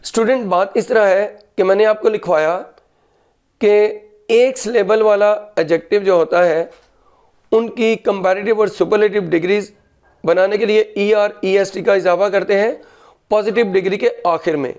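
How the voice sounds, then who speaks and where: A man teaches a grammar class. He explains each point patiently and drops into slow, careful dictation when giving the rules. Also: high voice, a little mellow.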